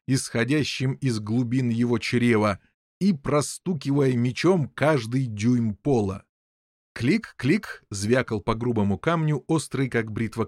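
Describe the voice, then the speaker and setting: A man narrating an audiobook with expressive storytelling. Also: medium pitch, dry recording, studio quality. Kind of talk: scripted narration.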